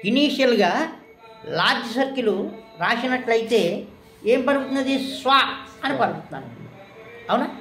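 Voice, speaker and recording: Female shorthand teacher with a high voice, quizzing in a classroom style; roomy echo, light music bed. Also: a bit bright. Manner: quizzing, asks questions and answers them herself. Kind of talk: classroom lesson.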